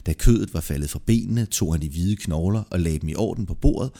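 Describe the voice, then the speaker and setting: A man narrating a folk tale aloud in a lively, expressive storytelling manner. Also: low-pitched, vocal fry.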